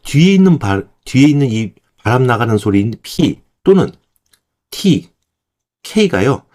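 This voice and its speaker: A man teaching English pronunciation in Korean, explaining step by step and slowing down to demonstrate each word. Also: medium pitch, sing-song, darkish tone. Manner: demonstrates words slowly, then repeats them. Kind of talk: explanatory lesson.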